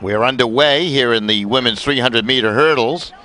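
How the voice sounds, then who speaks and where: A man's voice: medium pitch, moderate pace, bright, forceful tone, low-quality recording. A man giving live sports commentary as the announcer of a track and field broadcast. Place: outdoor stadium. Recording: faint background noise outdoors. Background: faint outdoor noise.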